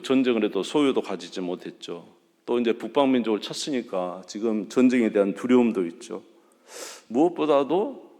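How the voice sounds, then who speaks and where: A male pastor preaching a sermon in a church sanctuary, acting out quoted dialogue dramatically with sudden rises in pitch and loudness. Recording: long church hall reverb.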